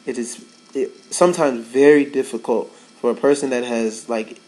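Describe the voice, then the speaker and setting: A man's voice: medium pitch, steady tone, normal speed, warm tone, poor audio. A man giving a casual tajweed lesson as a Quran recitation teacher, repeating words for emphasis.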